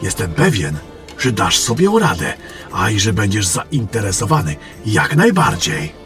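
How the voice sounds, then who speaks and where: A man with a voice on the low side, big pitch swings and a fairly bright tone speaks unhurriedly as a mysterious, sly stranger trading secret information in a fantasy audio drama. He sounds insinuating and smug, with music playing under his voice.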